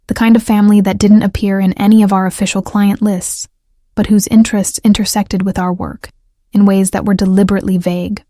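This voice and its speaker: Even-toned woman reading a romance. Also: medium pitch, no room sound, studio quality. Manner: measured, steady storytelling. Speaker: audiobook narrator. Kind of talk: first-person romance narration.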